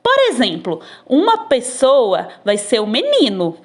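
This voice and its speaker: Slow, patient teacher woman, high lively voice. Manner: slow, patient, drawn-out explaining to children. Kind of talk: recorded lesson explaining textbook exercises. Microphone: phone recording.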